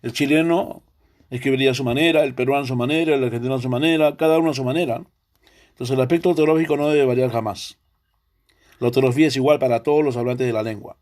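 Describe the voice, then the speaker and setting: A man's voice: mid-range voice, steady tone, fast, darkish tone. A male teacher with a Peruvian accent explaining a language lesson, asking rhetorical questions along the way. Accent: Peruvian Spanish. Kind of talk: recorded online language lesson.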